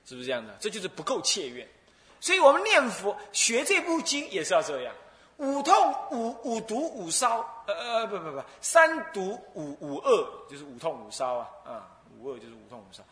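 A man's voice: on the high side, echoey room. A man, an abbot giving a Buddhist sermon, acting out dialogue and laughing as he tells stories. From Taiwan. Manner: animated storytelling, acts out dialogue, laughs often.

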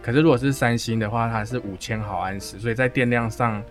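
A man's voice: mid-range voice, quick pace, soft background music. Taiwanese man slightly slurring through braces. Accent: Taiwanese Mandarin. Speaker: podcast co-host. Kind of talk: casual chat.

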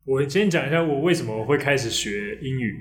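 A man's voice: mid-range voice, expressive, a little fast. Hesitant Taiwanese-accented man hosting. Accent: Taiwanese Mandarin. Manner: hesitant storyteller, many restarts and fillers. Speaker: podcast host. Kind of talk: casual podcast chat.

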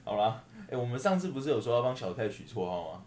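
A man's voice: mid-range voice, sing-song, fast talker, darkish tone. A young man in his late teens with a Taiwanese Mandarin accent, co-hosting a podcast in casual chat, teasing, swearing freely and laughing often. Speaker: podcast co-host. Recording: echoey room.

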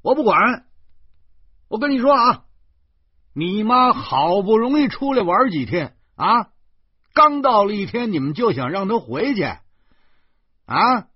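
Man voicing a hot-tempered older uncle, loud and blustering on the phone, husky, wide pitch swings, dull dry recording. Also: expressive, takes it slowly, long pauses, no echo, exaggerated voice. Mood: furious. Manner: sighing, then loud and shouting.

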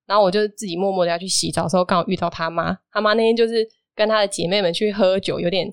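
Woman, podcast guest, quick animated storyteller, dry close mic. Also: mid-range voice, clear, resonant tone, no room sound. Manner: lively storytelling, animated retelling of dialogue. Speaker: guest telling a personal story. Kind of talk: casual podcast chat.

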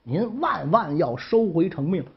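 A man's voice: on the high side, big pitch swings, unhurried, slightly rough, lo-fi sound, exaggerated voice. A man voicing a shrewd ancient minister who speaks modestly and hesitantly. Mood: pleading.

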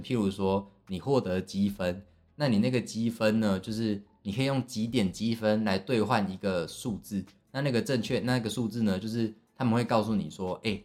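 A man's voice: fairly low pitch, a little mellow. A young man with a Taiwanese Mandarin accent, casually telling a long family story on his podcast, rambling with many fillers and restarts. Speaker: podcast host.

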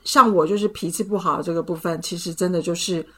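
A woman's voice: on the low side, fairly even intonation, quick pace, breathy edge. A woman in casual podcast chat, telling a personal story and acting out what was said. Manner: storytelling, acts out quarrels.

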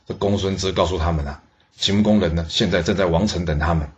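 A man telling a historical tale in a lively way, exclaiming and speaking asides to the listeners. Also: deep voice, fast talker. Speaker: storyteller. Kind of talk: historical storytelling. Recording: dull lo-fi recording.

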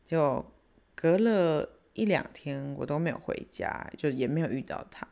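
A woman with a Taiwanese accent hosting a casual podcast, retelling a family story in an animated way and switching into Hokkien. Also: sits low, measured pace, gravelly. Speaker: podcast host.

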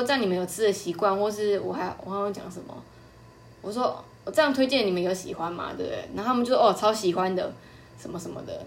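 A woman's voice: medium pitch, slight background noise. A young woman from Taiwan, hosting a podcast and chatting casually, telling a story and acting out the customers' lines. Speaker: podcast host.

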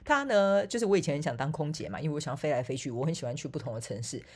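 A woman's voice: low-pitched, animated, rapid-fire, darkish tone, slightly rough. A woman with a Taiwanese Mandarin accent, a spiritual coach, talking in a casual, playful, self-mocking monologue. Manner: playful and self-mocking, with frequent laughs and filler particles. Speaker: spiritual coach and online course instructor.

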